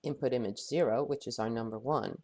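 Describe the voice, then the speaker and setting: A software instructor records a screen tutorial while fighting a head cold, his voice beginning to give out. Speaking at an ordinary middle pitch, he thinks aloud, halting, pausing and restarting sentences to correct himself as he works.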